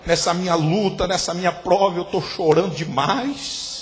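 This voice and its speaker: High-voiced Brazilian preacher, echoing church. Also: male voice, moderate pace. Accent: Brazilian Portuguese. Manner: preaching with big swings from hushed to shouting. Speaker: pastor. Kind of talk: sermon. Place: large church hall.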